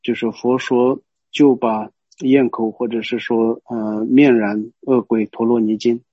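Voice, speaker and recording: A man giving a Buddhist teaching as a story, hesitant, pausing often and explaining as he goes. The recording is dull and lo-fi. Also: mid-range voice, little pitch movement, breathy edge, no room sound. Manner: hesitant, many pauses and restarts, explaining as he goes.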